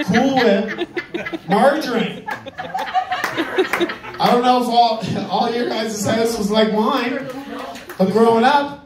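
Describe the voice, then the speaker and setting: A man performing an amateur stand-up comedy set in a conversational, profane, exasperated way. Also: very high-pitched. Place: live comedy venue with audience. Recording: echoey room, distant mic, audience laughter. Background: crowd laughter.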